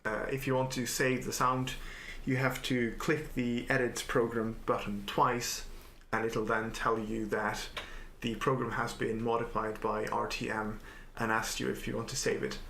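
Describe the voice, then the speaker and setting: A man calmly and methodically walking through a software tutorial he made, with the odd filler "uh". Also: mid-range voice, measured pace, creaky, few pauses. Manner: calm, methodical explaining with filler uhs. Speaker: software developer demonstrating his editor. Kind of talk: screen-recorded software tutorial. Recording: echoey room, faint noise.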